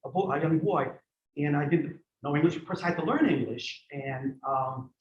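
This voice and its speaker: A man born in Greece, with a voice on the high side and a normal speed, lectures on history in a community center room and takes questions from the audience. He's thoughtful but digressive, often restarting his sentences. The recording is echoey, dull, and lo-fi.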